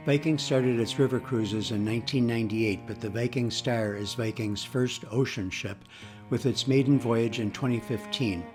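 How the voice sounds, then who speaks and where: A man narrating a travel video in a steady, informative scripted voice-over. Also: mid-range voice, normal speed, over music. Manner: even, informative. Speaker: travel vlogger.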